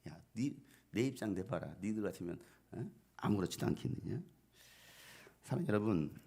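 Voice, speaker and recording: A man's voice: lowish voice, gravelly, a little mellow. A male pastor giving a conversational sermon and asking the congregation rhetorical questions.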